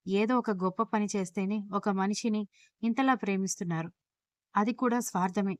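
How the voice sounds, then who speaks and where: A chatty young wife from a read-aloud love story, lively and playful, voiced by a woman. Her pitch sits in the middle. The voice is dry and close to the mic. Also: brisk, no echo, lightly acted.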